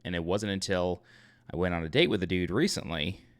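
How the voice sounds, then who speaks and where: A YouTube channel host in his thirties from Long Island, New York, tells a personal story casually and ramblingly, correcting himself often and using lots of fillers. His voice is low-pitched and fairly quick.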